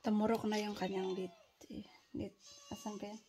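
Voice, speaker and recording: A woman's voice: mid-range voice, level tone, moderate pace, mellow. A young mother chatting casually to her viewers, mixing in English. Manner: chatty, talks to viewers as "guys", mixes English in. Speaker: mother vlogging about her baby. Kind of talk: casual home vlog. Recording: clear background noise.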